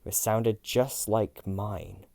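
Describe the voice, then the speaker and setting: A man telling a first-person horror story in a dramatic way, swinging from hushed mumbling to loud shouts. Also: fairly low pitch, fairly even intonation, extremely slow, gravelly, no echo. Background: faint music.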